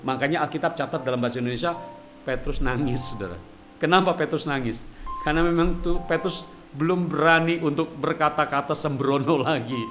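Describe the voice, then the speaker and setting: A man's voice: fairly high pitch, brisk, music in the background. A man preaching a sermon, speaking straight to his congregation and now and then singing a bit of a worship song. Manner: addresses the congregation directly, sings snatches of worship songs. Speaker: pastor.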